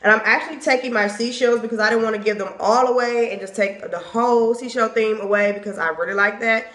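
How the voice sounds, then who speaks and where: This young woman, a home decor vlogger, talks fast in a fairly high, slightly bright voice with fairly even intonation. She films herself on her phone at arm's length in her small bathroom, casually presenting items and what they cost as part of a haul and home tour, with the bathroom's echo audible.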